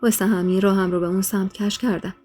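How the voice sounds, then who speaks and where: A woman's voice: mid-range voice, fairly even intonation, mellow. A woman narrating a dramatic first-person story in an emotional way, growing heated in the dialogue. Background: faint music.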